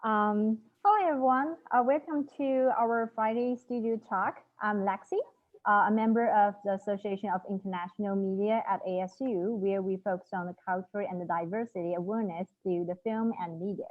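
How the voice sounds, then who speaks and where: A woman's voice: medium pitch, steady tone, a little fast. Polite young woman hosting, thin phone-like sound. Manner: polite, careful, many fillers. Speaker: student host. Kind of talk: hosting an interview. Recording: thin phone-like call audio.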